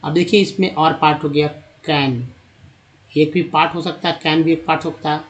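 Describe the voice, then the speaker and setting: A man teaching English spelling and pronunciation, drilling each sound slowly and repeating it, and addressing the viewers as friends. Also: on the high side, steady tone. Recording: dull lo-fi sound.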